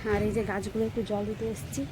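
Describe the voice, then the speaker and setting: A woman vlogging her evening routine at home in a soft, subdued voice, her throat troubled and the sound muffled. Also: mid-range voice, flat delivery, racing, background noise. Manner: soft, subdued talk, speaking with lips half closed. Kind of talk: casual daily-routine narration. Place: home and open rooftop.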